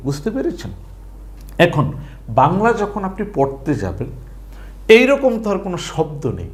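A man's voice: a little high, darkish tone. Man, language teacher, rising and falling tone, patient, repeats sounds for learners. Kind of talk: online language lesson.

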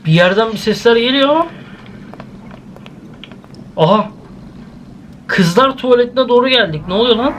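A man's voice: very high-pitched, normal speed, long pauses, slight background noise. A young man with a Turkish accent hosting a casual horror reaction vlog at home, talking straight to his viewers and crying out at every scare. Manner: excitable, jumpy, exclaiming at scares; addresses viewers directly. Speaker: YouTuber host. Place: at home, indoors. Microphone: camera set up in the room.

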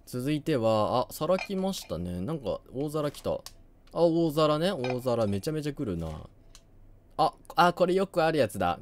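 A man's voice: mid-range voice, a little mellow, slight background noise. A young man giving casual game commentary, thinking aloud and often hesitating. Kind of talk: casual let's play commentary.

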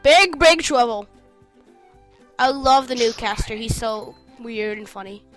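A woman's voice: on the high side, animated, unhurried, soft background music. Chatty young woman reacting to gameplay. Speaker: let's play co-host. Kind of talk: casual gameplay commentary.

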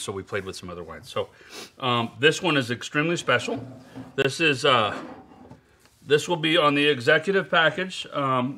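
Chatty guy hosting a wine tasting, bright voice, lots of ums and uhs, bit of faint noise. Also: mid-range voice. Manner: rambling, many fillers and restarts, chatty. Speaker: wine presenter. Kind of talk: casual wine-tasting chat. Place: indoors at a zoo building.

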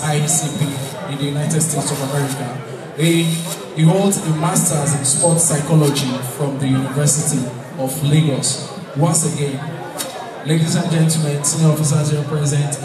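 A man formally reading a biography aloud at a retirement party. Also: on the high side. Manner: formal, announcing. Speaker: master of ceremonies reading a biography. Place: large party hall. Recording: echoey hall from far off with crowd.

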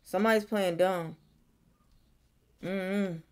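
A woman's voice: mid-range voice, fairly even intonation, takes it slowly, smooth. A young woman giving a casual tarot reading to camera in her bedroom, musing and repeating herself as she thinks aloud. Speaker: tarot reader. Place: bedroom, indoors.

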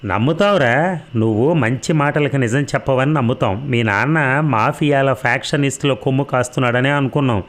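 A man's voice: medium pitch, normal speed, natural voice. Brief: brutal, mocking male cop interrogating a suspect, read by a man. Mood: taunting. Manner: taunting, threatening, sneering. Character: harsh, abusive male police interrogator.

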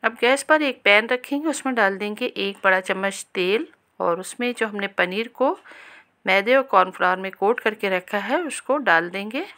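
A woman hosting a cooking channel, giving a calm, step-by-step recipe voice-over and speaking directly to viewers. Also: medium pitch, moderate pace.

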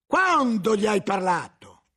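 A man's voice: high voice, sing-song, slow, slightly rough, exaggerated voice. A man voicing a harsh, accusing inquisitor. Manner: accusing, harsh, shouting at times. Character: stern menacing male inquisitor interrogating a monk. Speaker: audiobook reader. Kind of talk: dramatic audiobook reading.

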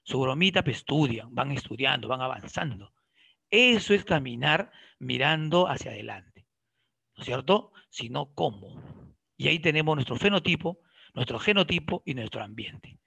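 Gravelly, bright-voiced teacher. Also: male voice, mid-range voice, moderate pace, no echo. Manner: lively, questioning students directly and joking. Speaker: biology teacher. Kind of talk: online class lecture.

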